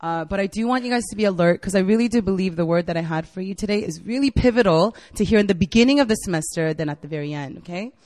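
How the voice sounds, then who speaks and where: A Virginia-born campus ministry staffer in her late twenties talks fast with few pauses, her medium-pitched voice a little mellow, in a large hall. Her casual, enthusiastic sermon to college students in a university meeting room is chatty and full of "like" and "right?".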